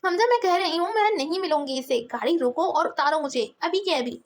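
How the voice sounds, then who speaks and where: A woman voicing a headstrong young woman in an audiobook, defiant and quick to shout. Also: very high-pitched, lively intonation.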